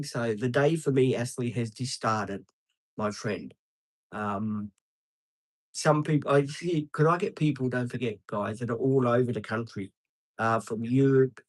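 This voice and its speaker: A chatty man in his fifties rambles through a casual live stream, pausing on frequent ums and answering viewers by name. His voice sits at an ordinary middle pitch and sounds dry and close, with no room echo. He is outdoors beside traffic. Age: 50s.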